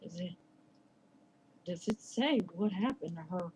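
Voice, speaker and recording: A woman's voice: on the low side, expressive, a little slow, a little mellow, slight background noise, poor audio. A woman voicing an anxious pony asking after her sister in an audio drama. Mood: anxious, hushed. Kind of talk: dramatic fan-fiction audio.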